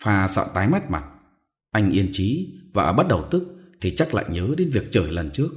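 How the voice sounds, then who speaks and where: A man narrating a story in an expressive, dramatic reading style. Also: deep voice. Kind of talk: scripted narration.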